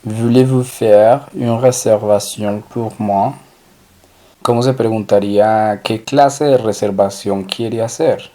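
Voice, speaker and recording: Male language teacher, slow deliberate drilling, low voice, mellow tone. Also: fairly even intonation. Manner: slow, deliberate drilling with repeated French phrases. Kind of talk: recorded language lesson.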